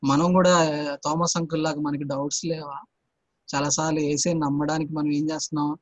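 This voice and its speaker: A man's voice: fairly high pitch, little pitch movement, fairly quick, no room sound. Man teaching kids, dry close sound. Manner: keeps quizzing the children with repeated questions. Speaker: Sunday school teacher. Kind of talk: Bible lesson for children.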